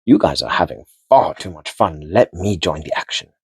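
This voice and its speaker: A man's voice: low voice, sing-song, moderate pace, husky, no room sound, studio quality, full character voice. A man voicing a cocky male rugby player in a breezy, mock-casual way. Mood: cheeky.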